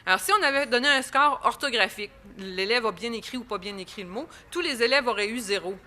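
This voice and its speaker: A woman's voice: fairly high pitch, fast talker, sharp tone. A woman with a Quebec French accent presenting research at an academic conference, explaining step by step with frequent fillers and restarts.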